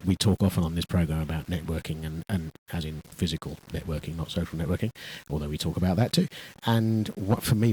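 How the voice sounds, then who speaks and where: Deep husky radio host. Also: male voice. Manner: chatty, joking, repeats words. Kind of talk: casual radio chat. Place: radio studio.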